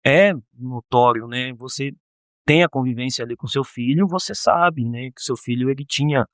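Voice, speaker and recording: A man, a counselor on a podcast, explaining in a measured way with frequent tag questions. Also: mid-range voice, dry recording, clean studio sound. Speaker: guardianship counselor. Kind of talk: podcast interview.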